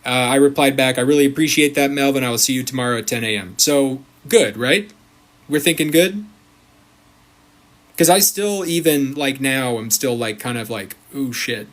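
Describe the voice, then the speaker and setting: Man, livestream host, casual rambling chat, greets viewers mid-sentence, mid-pitched voice. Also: animated, moderate pace.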